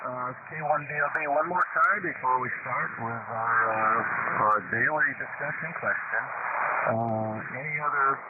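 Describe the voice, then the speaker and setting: Man running a net through heavy radio static. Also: mid-range voice. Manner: halting, deliberate, courteous. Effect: radio transmission with static. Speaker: ham radio net controller. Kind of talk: radio net roll call and check-ins. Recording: narrow, phone-like radio band, loud static.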